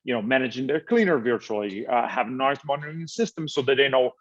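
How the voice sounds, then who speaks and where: A man from Italy, founder and interview guest, answers in a halting way, full of fillers and repeated words. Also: medium pitch. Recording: slightly dull, lo-fi audio.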